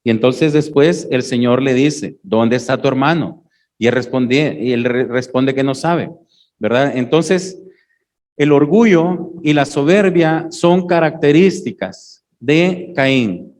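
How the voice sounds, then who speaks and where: A man's voice: medium pitch, slow pace, a little mellow. A man, preaching a sermon and walking the congregation through scripture, often checking in with them.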